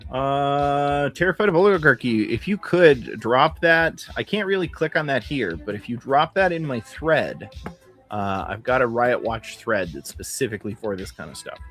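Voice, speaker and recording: A man's voice: mid-range voice, expressive, normal speed, a bit bright. A man with a cold hosting a casual livestream, talking in a profane, sardonic, chatty way. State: has a cold. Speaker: livestream host. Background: faint background music.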